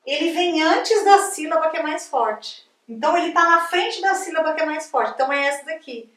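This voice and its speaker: Bright, high Brazilian woman teaching. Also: animated, brisk, far from the mic. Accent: Brazilian Portuguese. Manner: chatty, upbeat, frequent "tá?" and "ó" check-ins. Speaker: English teacher. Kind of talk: casual video lesson. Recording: echoey room, voice from off the mic.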